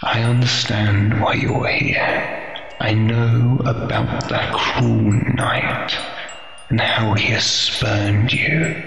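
A man voicing a mysterious, sinister spirit that coaxes slowly and in a hushed, deliberate way during a tabletop role-play. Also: mid-range voice, fairly even intonation, vocal fry, exaggerated voice. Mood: coaxing, sinister. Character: mysterious dark spirit voice, coaxing, sinister tempter. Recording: dull, very echoey, music behind.

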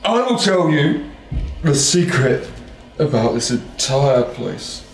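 A man's voice: medium pitch, lively intonation, slow, soft background music. A man voicing a scheming village drunk with a drunken, rambling way of talking, in a tabletop game. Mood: boozy, scheming. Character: babbling village drunk, man, touting secrets for gold. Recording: roomy echo.

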